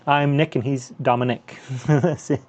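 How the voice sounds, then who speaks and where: A man from the US and Canada hosts a casual live stream as a handheld gaming streamer, chatting loosely over gameplay with lots of fillers and restarts. He speaks at a measured pace in a mid-range, darkish voice with fairly even intonation.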